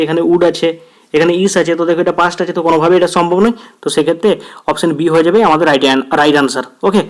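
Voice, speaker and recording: Man with a Bengali accent and a slightly high voice, teaching exam grammar, friendly, repetitive, slow careful reading of English sentences. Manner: addresses viewers as friend, repeats phrases; reads English quiz sentences slowly, word by word. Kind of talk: exam-prep grammar lesson.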